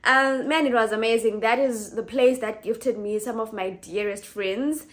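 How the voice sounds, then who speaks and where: Talking at a moderate pace to her camera, a twenty-something vlogger with a Zimbabwean accent keeps things laid-back, laughs readily, and fixes her words as she goes. She has a slightly high voice.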